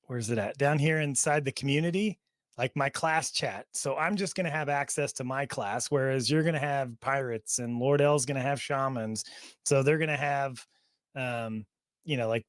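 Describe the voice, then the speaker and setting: A man's voice: mid-range voice, no echo, studio quality. A man hosting a fan podcast in casual, rambling chat full of fillers, who laughs easily while showing the audience around an online community. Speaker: podcast host. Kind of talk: casual chat while touring a chat server on screen.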